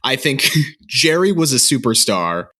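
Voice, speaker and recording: A man's voice: mid-range voice, very animated, unhurried, sharp tone. A man co-hosting a podcast, sharing laid-back opinions. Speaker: podcast co-host. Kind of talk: casual comedic chat.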